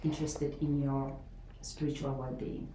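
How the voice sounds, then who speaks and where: With a very deep, dark voice and level tone at normal speed, a middle-aged professor from Poland answers interview questions in a Polish accent. She's thoughtful, though her speech is full of fillers and restarts. The sound is roomy, a bit distant from the mic, with faint ambience.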